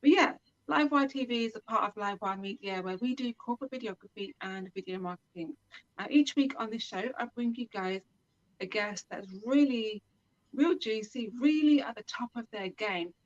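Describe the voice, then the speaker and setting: A woman's voice: on the high side, moderate pace, muffled recording. A woman from the UK hosting a live web show over a video call, enthusiastic and talking straight to the viewers. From United Kingdom. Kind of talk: upbeat show introduction and interviewing.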